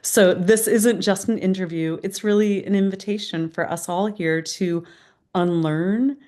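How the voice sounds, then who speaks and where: A woman's voice: medium pitch, fairly even intonation, a little slow, darkish tone. A woman hosting an interview in an earnest, inspirational way, her speech slightly impeded by a new dental retainer. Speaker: interview host. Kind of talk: warm-up introduction and interview questions, partly scripted.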